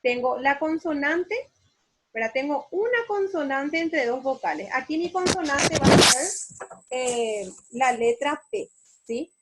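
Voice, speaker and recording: A woman's voice: sits high, animated, a little hiss or hum. A woman teacher with a Paraguayan Spanish accent, giving an online spelling lesson and explaining step by step with frequent check questions. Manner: slow, explanatory, asks rhetorical check questions. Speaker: university teacher.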